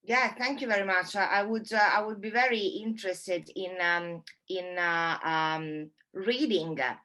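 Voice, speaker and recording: A woman moderating an online panel discussion over a video call, speaking thoughtfully and haltingly with many fillers. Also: medium pitch, fairly even intonation, bright, forceful tone.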